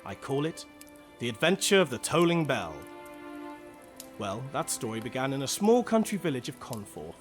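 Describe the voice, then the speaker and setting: An actor as Doctor Watson, animated avuncular British gentleman. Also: medium pitch, moderate pace, over music, close to an everyday voice. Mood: nostalgic storytelling. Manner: avuncular, chatty, easily shocked. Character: genial older English doctor, amiable, slightly bumbling storyteller. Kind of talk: radio drama acting and storytelling.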